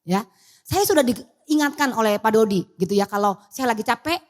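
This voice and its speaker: Middle-aged woman preacher with an Indonesian accent, lively and loud, fairly high voice. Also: moderate pace. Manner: animated, acts out family dialogue, laughs often; loud, high-pitched when speaking emphatically. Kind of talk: sermon. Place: church.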